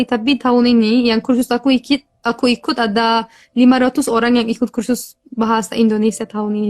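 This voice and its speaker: A woman's voice: a little high, darkish tone. A woman from Turkey with a Turkish accent, answering interview questions casually in a foreign learner's simple phrasing. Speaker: interview guest, language learner.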